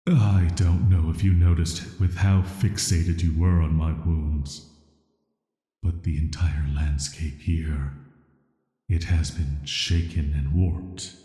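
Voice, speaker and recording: The speaker is a man performing a roleplay as an ancient male villain who was banished, a cursed immortal with a calm, flirtatious manner. His very deep, soft, atmospheric voice moves slowly through a scripted monologue, flat, measured and hesitant, sounding calm and thoughtful. Long, cavernous reverb makes the recording echo.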